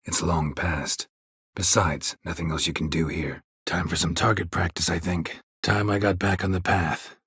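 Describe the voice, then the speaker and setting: For a fantasy video game, a gruff monster hunter with dry wit speaks in an extremely deep, heavily rasped, gravelly and husky low voice. His clipped phrases come at a moderate pace, deadpan, matter-of-fact and stoic, in a heavily acted performance. The recording is bone-dry.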